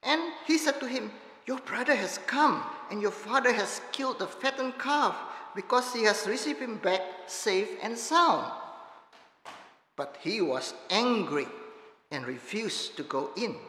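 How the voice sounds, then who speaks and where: A man reading a Bible passage aloud to a congregation, slow and expressive. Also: high-pitched, a little hiss or hum. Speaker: scripture reader. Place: church hall. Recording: echoey hall.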